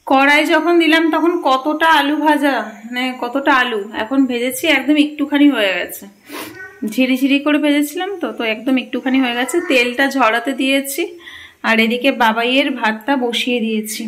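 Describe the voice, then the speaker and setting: A woman's voice: sits high, fairly even intonation, fairly quick, rough recording. A young woman casually chatting to her viewers in a home vlog, filmed on a phone at home. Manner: chatty, addresses viewers directly; speaks very softly while her child sleeps. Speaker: vlogger. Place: small home kitchen and rooms.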